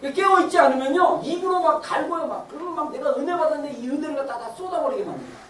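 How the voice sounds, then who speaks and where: A high, animated voice preaches a Sunday sermon, often laughing and acting out voices. The sound fills a roomy sanctuary, picked up from a distance. A faint hum of ambience sits behind it. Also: quick pace. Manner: animated, acts out quoted voices. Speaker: pastor. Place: church sanctuary.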